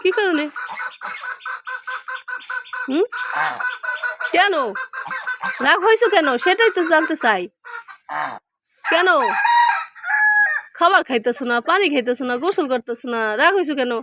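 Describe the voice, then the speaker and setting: A woman gently and repeatedly asking her hen what is wrong, outdoors in a farmyard. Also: very high voice, expressive, a little slow, pauses often, heavy background noise. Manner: gentle, repetitive questioning. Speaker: poultry keeper. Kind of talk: coaxing talk to a hen. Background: clucking chickens.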